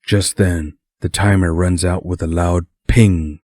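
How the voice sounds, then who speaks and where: A man with a very low voice reads a story aloud, calm and steady. The sound is dry and close, with no room heard. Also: a little slow, no room sound. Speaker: narrator. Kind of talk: reading a fan story aloud.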